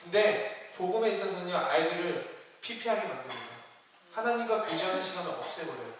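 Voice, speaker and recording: A man's voice: high-pitched, expressive, a little fast, a bit bright, slight background noise. A man preaching a sermon to his church in a conversational way, asking the congregation questions. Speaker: youth ministry preacher. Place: church sanctuary. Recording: roomy hall, distant mic.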